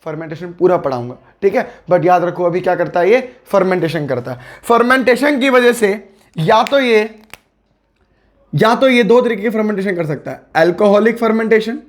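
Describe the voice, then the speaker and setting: A man's voice: sits high, animated, moderate pace. A young man teaching biology for exam prep, friendly and coaxing. He repeats key terms and asks and answers his own questions.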